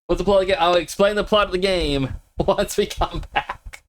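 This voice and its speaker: Sniffling a little from a cold, a man streams a video game and chats casually with viewers, laughing often. His voice is high and moderately paced, with slight background noise.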